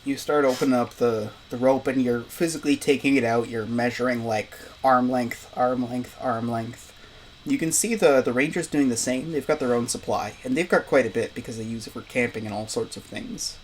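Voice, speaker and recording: A man's voice: mid-range voice, brisk, few pauses, slight background noise. A man running a tabletop role-playing game as game master, describing scenes in a casual, chatty way. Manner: casual, chatty, lots of fillers.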